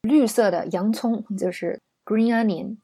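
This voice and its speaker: A woman's voice: mid-range voice, creaky, mellow, breathy edge. Chatty woman teaching English words. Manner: chatty, drills words slowly for repetition. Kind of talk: casual spoken English lesson.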